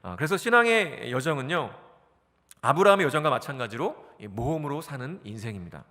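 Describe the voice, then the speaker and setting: Lively bright-voiced male pastor preaching. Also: medium pitch, brisk, long reverb tail. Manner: animated, asks the congregation questions and answers them. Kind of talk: sermon. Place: church sanctuary.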